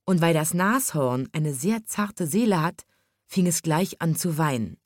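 A woman reading a children's story aloud with an expressive storytelling lilt. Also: sits low, a little slow, no room sound, clean studio sound.

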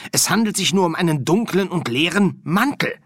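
A fussy wizard lecturer who corrects others in a raised, precise voice, as a male reader puts him on. The sound is husky and close. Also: sits high, expressive, brisk, fairly bright tone, dry recording, voice pushed up. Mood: pedantic.

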